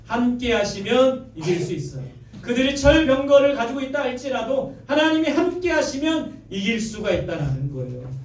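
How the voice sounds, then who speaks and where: High-voiced man preaching in an echoey church. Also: sing-song, normal speed, slight background noise. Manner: preaching with call-and-response, leading the congregation in repeating verses. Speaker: pastor. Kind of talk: sermon. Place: church sanctuary. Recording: echoey church, mic at a distance. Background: congregation answering amen.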